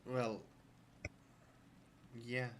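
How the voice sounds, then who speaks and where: A man with a mid-pitched voice plays a tabletop game, talking slowly and cautiously. He pauses often and hedges with fillers, and a faint hiss sits behind him. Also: little pitch movement. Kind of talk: in-character game banter.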